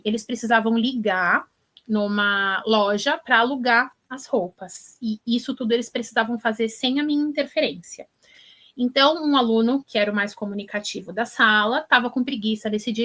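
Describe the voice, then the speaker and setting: A woman teacher answering interview questions, telling stories in an animated, encouraging way. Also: a little high, moderate pace. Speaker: teacher and education influencer guest.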